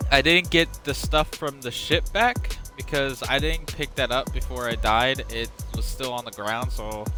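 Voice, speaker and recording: A man giving casual, unrehearsed let's-play commentary, rambling, stumbling over words and swearing now and then. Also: medium pitch. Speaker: gaming channel host.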